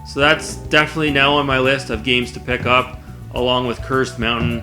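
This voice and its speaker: A man with a bright, forward voice talks casually as a video blogger. He rambles conversationally at an average pitch, with faint music around him. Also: little pitch movement, normal speed. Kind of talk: casual spoken vlog to camera.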